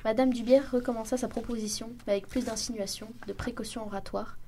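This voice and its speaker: A woman's voice: on the high side, fast, slight background noise. Woman reading a classic story aloud. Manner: steady narration with small restarts. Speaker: reader.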